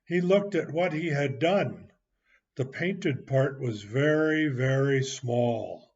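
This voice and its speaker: A man reading a story aloud calmly and deliberately for learners, on a muffled recording. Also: fairly high pitch. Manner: calm, deliberate, clearly spaced. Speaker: narrator.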